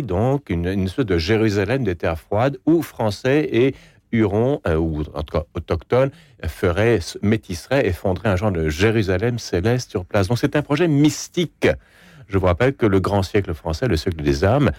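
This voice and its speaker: A man's voice: on the low side, a little mellow, dry recording. A man with a Québécois French accent, a guest on a radio interview, explaining at length in a thoughtful way with frequent hesitations. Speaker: guest journalist and essayist.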